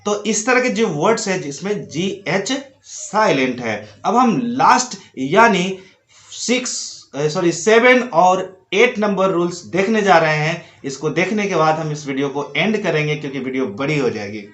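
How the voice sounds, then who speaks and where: A man gives a pronunciation lesson in a fairly high voice. He explains each rule step by step, throws in little rhymes and asks his students questions. The room echoes noticeably around him. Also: animated, a little slow, fairly bright tone. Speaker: English teacher. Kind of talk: Hindi-language lesson on English pronunciation.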